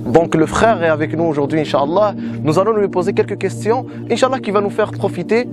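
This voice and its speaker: A male interviewer asks formal questions in a fairly high voice, now and then stumbling as he reshapes a sentence. Music runs clearly in the background. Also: fairly quick. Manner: formal, groping for words mid-question.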